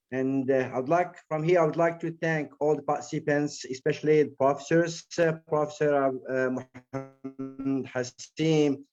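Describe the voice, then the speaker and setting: A man from Morocco with a somewhat high voice thanks the participants one by one. He fills his pauses often as he goes. The call audio is dull and lo-fi. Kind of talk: online meeting remarks.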